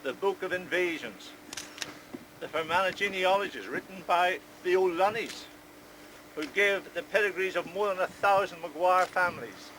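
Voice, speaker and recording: An older man gives a formal ceremonial speech outdoors in measured, declamatory short phrases. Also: high voice, pushed and bright. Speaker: clan chief at his inauguration. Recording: very noisy outdoor amateur recording.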